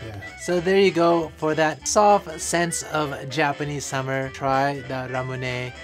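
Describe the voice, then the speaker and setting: A man's voice: on the high side, steady tone, a little slow, music in the background. A man hosting a casual food review, upbeat and chatty, with lots of filler words. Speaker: host.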